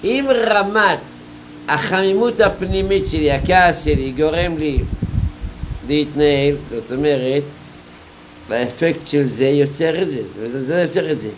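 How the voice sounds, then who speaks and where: A male rabbi delivers a Torah lecture in a somewhat high voice. He explains patiently, asks rhetorical questions, tells small stories and stretches key phrases slowly. Faint noise sits under the recording. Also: poor audio. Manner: deliberate, drawn-out phrasing with pauses.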